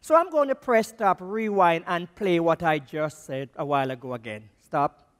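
A man with a Jamaican accent preaching a sermon as a missions speaker, slow and emphatic, his voice dropping low on the key words. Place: church. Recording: long reverb of a church hall.

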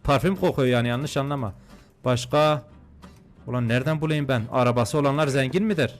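A young man giving crude, joking commentary while playing a video game, swinging between muttered remarks and mock-outraged shouting. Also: mid-range voice, a little fast, soft background music. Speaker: gaming YouTuber. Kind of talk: comedic let's-play commentary.

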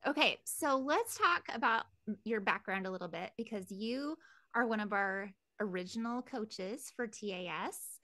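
A woman's voice: a little high, lively intonation, normal speed, bright, forceful tone, no echo, studio quality. A woman hosting a podcast, bubbly and enthusiastic as she introduces and interviews a guest. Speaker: podcast host.

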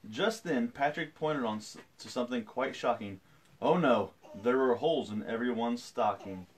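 A man's voice: moderate pace, slight background noise. A man in his thirties, a father reading a picture book aloud to his daughter on a live stream, playful and breaking off for jokey asides. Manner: swings pitch widely, jumps high for quoted voices.

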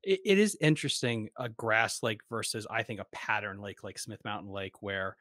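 Young man, podcast host, bright forceful tone, dry close studio mic, eager run-on talk. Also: lowish voice, moderate pace, no room sound. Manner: enthusiastic, talks in long run-on thoughts. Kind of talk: casual interview talk. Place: small home studio. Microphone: studio mic on desk.

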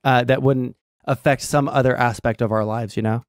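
A young adult man hosting a stream, explaining his political views casually in a measured, halting way. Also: medium pitch, steady tone, no echo, clean studio sound. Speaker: streamer host. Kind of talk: casual political discussion over a game stream. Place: small indoor streaming room. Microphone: close desk mic with headset.

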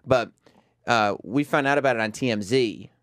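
A man's voice: mid-range voice, normal speed, a bit bright, no room sound, studio quality. A man hosting, asking a guest curious questions. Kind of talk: interview chat.

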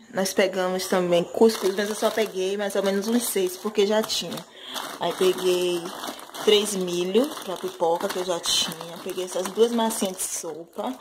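In a home vlog shot on a handheld phone in her kitchen, a Brazilian woman in her thirties chats through her monthly groceries. Her voice is medium in pitch, she sprinkles in fillers like "né," and there's noise in the background.

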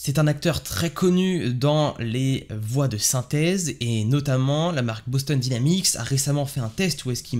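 Man host of a tech tutorial, lively pitch, slightly high voice, keen explainer. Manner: animated, eager explaining. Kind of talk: screen-share software tutorial.

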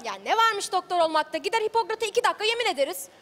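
A man doing a shrill nagging wife. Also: animated, very fast, bright, forceful tone, heavily acted. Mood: pushy. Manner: shrill, pushy, scolding. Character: nagging ambitious wife, middle-aged. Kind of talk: stage sketch comedy. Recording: live stage, hall reverb.

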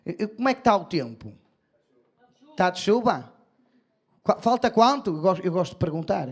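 A man's voice: high-pitched, big pitch swings, fairly quick, husky. A man doing bawdy, profane stand-up comedy at a live bar show, speaking into a handheld mic.

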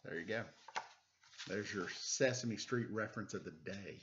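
At a measured pace and with a fairly low pitch, the storytime host in his forties reads a picture book in a room at home, sprinkling in playful, chatty asides. The webcam recording is dull and lo-fi, with a noisy background.

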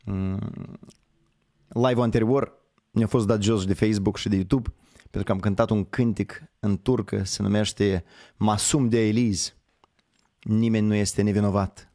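A man with a hoarse voice hosting a live online show, talking in a rambling, conversational way and correcting himself as he goes. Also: lowish voice, steady tone, warm tone, no room sound, clean studio sound. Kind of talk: casual live-stream commentary.

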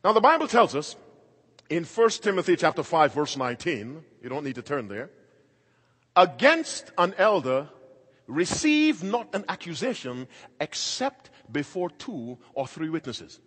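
A middle-aged male pastor preaching a sermon emphatically, moving between loud and quiet passages. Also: on the high side, sing-song, a little slow, breathy edge. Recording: long hall reverb.

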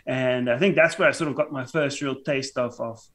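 A South African man in his thirties, a native Afrikaans speaker with a South African accent, appears as a guest on a casual podcast interview, calling remotely from a room at home with headphones and a mic. His voice is mid-range and fairly bright, and he stammers and restarts his sentences often.

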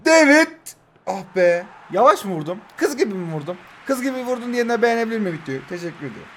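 A man in his twenties who runs a YouTube channel about a mobile football game gives excited commentary on his own matches. His voice sits high and he talks fast and very animatedly, joking, cheering his goals and talking to his players and viewers. There's slight background noise.

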